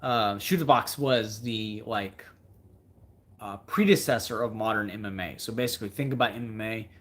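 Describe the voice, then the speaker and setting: A man hosts a casual livestream as a fishing video creator, answering viewer comments in a rambling, think-out-loud way and repeating himself for emphasis. His voice is fairly low-pitched at a normal speed.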